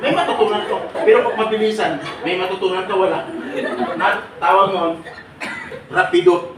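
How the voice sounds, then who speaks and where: Fast-talking joking man in echoey hall. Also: high-pitched, crowd noise. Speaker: seminar speaker for departing workers. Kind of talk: lively seminar talk to a crowd. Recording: echoey noisy hall from far off. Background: loud room noise.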